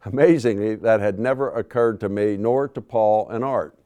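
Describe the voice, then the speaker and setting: An older man recounting a personal story at a public forum, in a measured, dry manner. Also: on the low side, warm tone.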